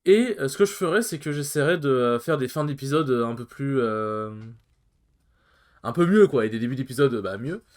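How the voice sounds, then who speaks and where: A man's voice: mid-range voice, lively intonation, moderate pace. A man hosting a let's play, giving casual, rambling commentary full of hesitations.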